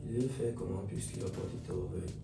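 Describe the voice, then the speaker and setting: A man's voice: low-pitched, fast, gravelly. A young man with a Cameroonian French accent playing a stubborn, insolent boyfriend who talks back. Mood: defiant. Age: young adult. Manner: insolent, calm then shouting back. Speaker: boyfriend in a comedy web series. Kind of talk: comedy web series acting. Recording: roomy echo, far from mic, light music.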